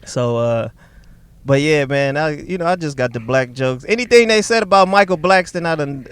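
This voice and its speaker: A man's voice: fairly high pitch, lively intonation, normal speed, a bit bright, clear, resonant tone, no echo. A young man from Detroit, a stand-up comedian, telling loose, profane stories in a casual chat inside a car. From Detroit, Michigan.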